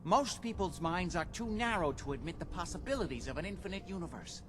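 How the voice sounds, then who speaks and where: An actor playing a genteel, eccentric employer in a video game, formal and grandiose in manner. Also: male voice, sits high, lively intonation, fairly quick, noisy background. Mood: zealous. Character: genteel, eccentric male employer, eager believer in grand theories.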